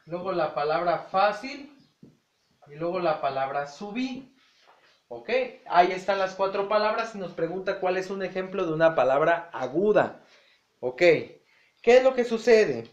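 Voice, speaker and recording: A man's voice: sits high, animated, a little slow. A man teaching an exam-prep lesson in a chatty way, repeating words and checking in with "ok?". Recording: echoey room, dull lo-fi sound.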